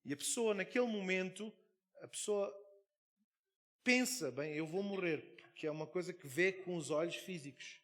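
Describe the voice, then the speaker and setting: A man preaching a sermon. He tells a story fervently, with big swings in loudness. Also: high-pitched, fairly even intonation, normal speed. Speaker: pastor.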